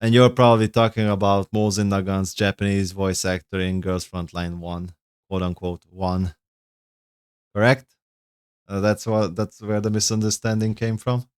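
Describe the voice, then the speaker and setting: A man's voice: lowish voice, level tone, normal speed, smooth, no echo. Casual rambling male streamer, dry close mic. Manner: rambling, self-correcting, swears casually. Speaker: streamer reacting to game lore. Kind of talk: casual livestream reaction chat.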